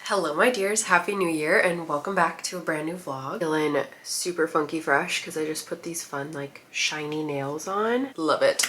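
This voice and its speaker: A woman's voice: sits low, a bit bright, a little hiss or hum. A young woman vlogging casually, chatty and upbeat, her voice a bit nasal from a cold. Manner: upbeat, chatty, many "like" fillers. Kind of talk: casual vlog talk to camera.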